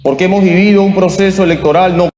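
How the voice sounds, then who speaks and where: Priest, measured pace, somewhat high voice, cathedral echo from far off, long reverb. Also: male voice, steady tone, a little mellow. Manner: slow, deliberate, with chanted responses. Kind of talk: Mass reading and homily. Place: large church. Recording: echoey church, voice from afar.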